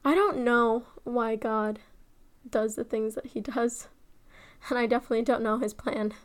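Young woman, kinda high voice, telling a heavy family story, goes quiet then gets all excited. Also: normal speed. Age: young adult. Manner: emotional, swings from hushed to excited. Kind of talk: personal storytime.

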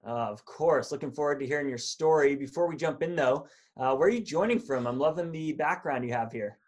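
A man's voice: a little high, lively intonation, a little fast. A man hosting an interview podcast, reading a friendly scripted intro before chatting with his guest on a video call. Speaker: podcast host.

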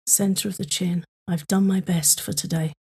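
A woman guides a sleep-focused tapping meditation in a low, mellow voice. Her tone is very breathy and airy, with flat, even delivery. She gives slow, soothing, repetitive prompts.

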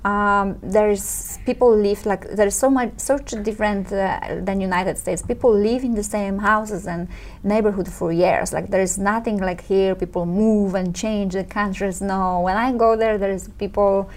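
A woman in her thirties from Poland with a Polish accent, chatting as an interview guest, often laughing and pausing with fillers. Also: mid-range voice, steady tone. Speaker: guest entrepreneur. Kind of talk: casual interview chat.

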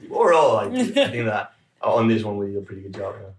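A man from Argentina, a researcher answering interview questions, talking quickly with many fillers and restarts. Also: fairly low pitch, lively intonation, roomy sound, recorded from a distance, rough recording. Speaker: researcher guest.

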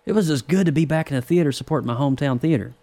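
Gravelly man chatting about movies. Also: a little high, very fast, warm tone. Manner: rambling, many restarts, laughs often. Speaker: podcast co-host, film reviewer. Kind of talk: casual chat.

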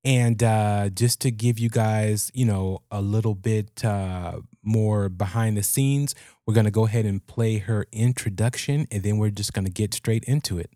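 A man hosts a talk show casually in a fairly low, soft-edged mellow voice. The sound is dry and close. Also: normal speed, no room sound. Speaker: podcast host.

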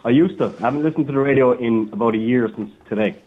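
A laid-back man calls in to a radio quiz. His pitch is middling, and he speaks in short, casual replies over background music. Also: fast talker, phone-quality sound. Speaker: quiz caller. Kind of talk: casual phone-in chat.

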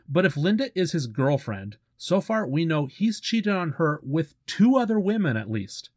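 A man's voice: mid-range voice, dry recording, clean studio sound. A man recapping a movie plot in a casual commentary, with wry sarcastic asides. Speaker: movie reviewer.

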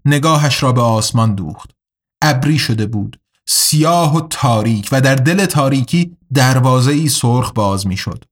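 A man reading a story aloud in a steady, deliberate narration. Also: medium pitch. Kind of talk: audiobook narration.

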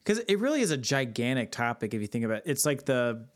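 A man's voice: mid-range voice, very animated, fast. A man co-hosting a podcast in casual chat, joking and swearing, laughing often. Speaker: podcast co-host.

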